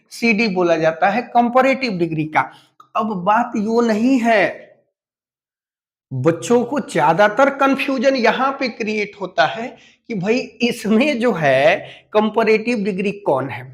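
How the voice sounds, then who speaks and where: Man, teacher, high voice, slow, patient, spells words out, questions students. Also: fairly bright tone. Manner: patient, explains step by step and spells words out letter by letter; speaks to students familiarly and asks them questions. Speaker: English teacher. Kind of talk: classroom lesson.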